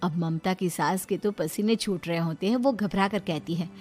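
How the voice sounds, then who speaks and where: A woman's voice: on the low side, moderate pace, darkish tone, soft background music. A woman storyteller giving a scripted, dramatic narration of a story.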